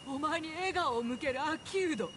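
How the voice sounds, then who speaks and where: An actress playing a vengeful female ghost warrior in a video game, speaking with slow, theatrical villain menace. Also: high-pitched, animated. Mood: menacing, vengeful. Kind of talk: dramatic video game acting in Japanese. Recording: noisy game audio with ambience.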